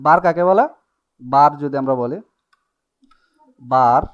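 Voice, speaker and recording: A man teaching an Italian class in Bengali, speaking slowly and checking again and again that his students follow. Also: medium pitch, smooth, muffled recording. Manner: explains slowly with many checks like "ঠিক আছে?" and "নাকি?". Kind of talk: live online class taught in Bengali.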